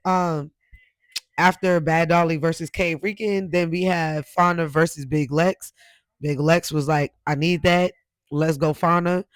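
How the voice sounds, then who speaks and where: A man's voice: on the high side, steady tone, unhurried, clean tone, no room sound, studio quality. A man hosting a casual reality show recap, commenting in slang and putting questions to viewers. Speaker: recap host.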